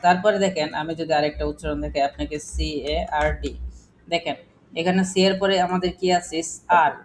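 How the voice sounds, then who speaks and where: A man's voice: on the high side, steady tone, brisk. Male teacher, phonics class, quizzing and repeating, faint noise behind. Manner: questioning, repetitive drilling of examples. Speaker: English teacher.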